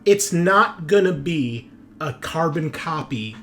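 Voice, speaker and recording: A man with a slightly high, somewhat bright voice speaks slowly but animatedly as host and game master of a tabletop roleplaying show. He delivers a blunt, profane rant, stressing things with "right?" and "okay?", and the audio has a little hiss or hum.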